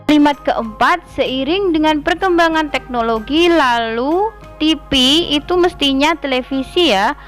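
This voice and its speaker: A woman giving an online grammar lesson as a teacher, reading example sentences aloud and explaining them slowly. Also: sits high, faint music behind.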